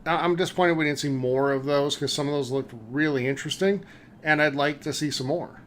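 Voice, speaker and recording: A man's voice: fairly high pitch, a little fast, a bit bright, slight background noise. A man hosting a casual podcast chat, upbeat, leading the talk and putting questions to his co-hosts. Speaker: podcast host.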